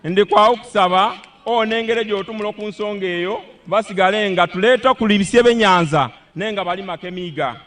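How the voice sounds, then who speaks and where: A Ugandan-accented man giving a formal, deferential public address at a political rally, somewhat halting. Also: high-pitched, a bit bright. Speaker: local political leader addressing the president. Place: public rally, speaking through a microphone.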